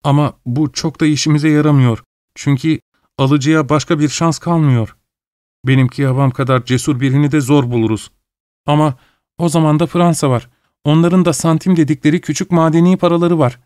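A man's voice: fairly high pitch, fairly even intonation, brisk, darkish tone, dry recording, studio quality, close to an everyday voice. A man reading a story aloud, voicing a resolute, loving young Hawaiian wife in a raised, earnest pleading tone. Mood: determined. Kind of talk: audiobook character voice.

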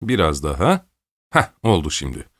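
A man's voice: deep voice, big pitch swings, normal speed, fairly bright tone, dry recording, studio quality, exaggerated voice. A man voicing an imperious, fussy old countess who scolds and orders people about in an audiobook. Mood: scolding. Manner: scolding, peevish, bossy. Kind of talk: audiobook character voice.

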